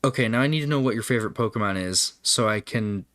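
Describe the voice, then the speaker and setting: Low-voiced man chatting on a livestream. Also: quick pace, fairly bright tone, dry recording, studio quality. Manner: rambling, profane, chatting with viewers. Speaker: livestream host. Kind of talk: casual live-stream chat.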